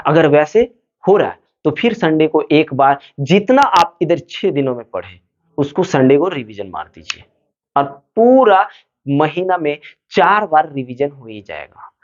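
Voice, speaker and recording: Lively teacher man, dull lo-fi recording. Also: a little high, a little slow. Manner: asks questions and answers them himself. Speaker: study advice teacher. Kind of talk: motivational study talk to students.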